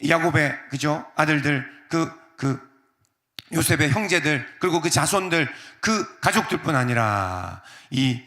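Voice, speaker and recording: Man preaching with a gravelly voice. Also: a little high, animated, unhurried. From South Korea. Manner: conversational preaching with many fillers, acts out quoted lines softly. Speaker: pastor. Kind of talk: sermon. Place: church sanctuary. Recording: echoey church sanctuary.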